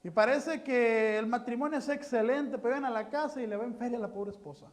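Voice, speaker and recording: A man with a Mexican accent preaching a sermon in a church, animated and full of rhetorical questions and joking asides. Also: very high voice, fairly quick. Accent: Mexican Spanish.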